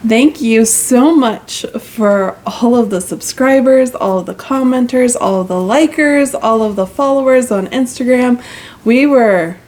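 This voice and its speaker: A woman's voice: a little high, a little slow, a little mellow. A woman co-hosting a casual chat about her stitching channel, chatty and giggly with many ums, recorded on a mic plugged into a phone. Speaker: co-host of a cross-stitch channel. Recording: faint background noise, phone mic.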